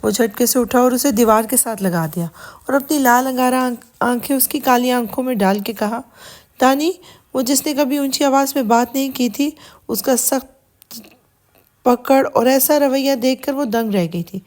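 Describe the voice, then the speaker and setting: A woman narrates a romantic audio novel in steady, scripted storytelling. Her voice sits high.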